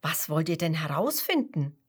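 A woman voicing a small, curious little monkey asking quick questions. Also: low voice, sing-song, breathy edge, heavily acted.

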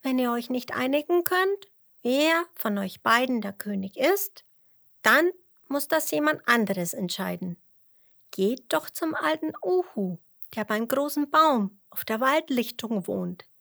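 A woman voicing a tiny, brave forest mouse who squeaks loudly in a children's storybook. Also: animated, a little slow, creaky, dry recording, studio quality, full character voice. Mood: commanding. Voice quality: squeaky, shrill.

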